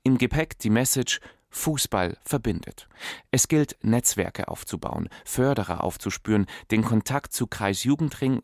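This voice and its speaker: Male voice-over, low, measured reading, very dry booth sound. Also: creaky, a little mellow, no echo. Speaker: documentary narrator. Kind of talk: scripted documentary narration. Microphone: dry studio voice-over.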